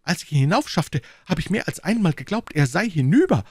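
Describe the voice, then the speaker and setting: A man voicing a frantic, breathless middle-aged headmaster in an audiobook, pleading in a high, agitated voice. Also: big pitch swings, a little fast, darkish tone, husky, dry recording, clean studio sound. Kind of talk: audiobook reading.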